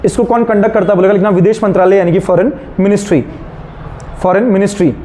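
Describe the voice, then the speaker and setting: A man's voice: sits high, fairly even intonation, fast, dark tone. A male teacher with an Indian accent dictating notes to a class, repeating each phrase for students to write and mixing in English terms. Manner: mixes Hindi with English terms; asks questions and answers them himself. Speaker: teacher of a current affairs exam class.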